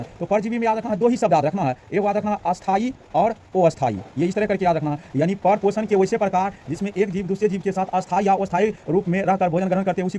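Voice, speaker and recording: A young man gives a casual lesson. His voice sits high yet sounds dark and mellow. He keeps repeating points and quizzing the listener before answering himself. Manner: reads English very slowly and haltingly. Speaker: teacher. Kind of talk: casual Hindi lecture with slow English read-aloud.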